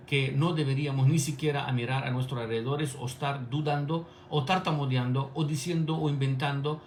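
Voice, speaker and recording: A man giving an earnest Islamic sermon, building points in repeated lists and reciting Arabic passages quickly. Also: mid-range voice, reverberant, a little hiss or hum. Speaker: Islamic preacher.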